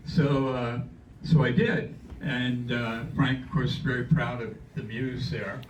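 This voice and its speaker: An older man giving an anecdotal talk at a club gathering, chuckling and halting with fillers. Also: mid-range voice, steady tone. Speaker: club speaker. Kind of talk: anecdotal after-dinner talk. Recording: echoey hall, distant mic, background noise.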